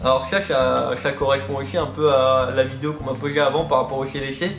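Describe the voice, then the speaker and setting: A man hosting a casual reptile hobby YouTube channel talks fast and at length, rambling and repeating himself. His mid-range voice is gravelly, fairly bright and flat in pitch, with atypical articulation and a slight lisp-like impediment, recorded with roomy echo and faint background music.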